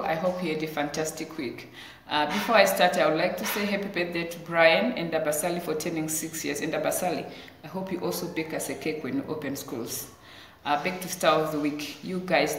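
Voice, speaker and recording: A woman teacher gives an online assembly for small children, praising them warmly and encouragingly. Her voice sits fairly low. The recording sounds roomy and echoey, with a faint hiss underneath. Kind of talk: online school assembly address. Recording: echoey room with faint noise.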